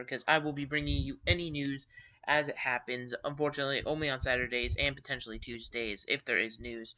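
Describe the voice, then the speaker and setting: Bright-voiced man with lo-fi sound. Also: medium pitch. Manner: rambling, many fillers and self-corrections. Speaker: gaming news host. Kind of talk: casual video-game news commentary. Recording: dull lo-fi sound.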